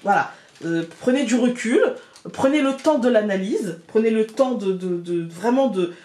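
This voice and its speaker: A woman's voice: fairly high pitch, expressive, moderate pace, dark tone, echoey room. A woman with a Picard accent giving a weekly tarot guidance, talking directly to her viewers with many hesitations and restarts. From France. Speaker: tarot card reader. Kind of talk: weekly card reading guidance.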